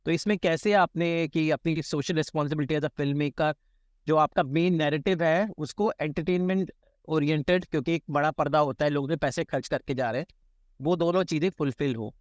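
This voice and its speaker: A man's voice: on the high side, normal speed, dry recording, clean studio sound. A man interviewing film guests, asking long winding questions with fillers.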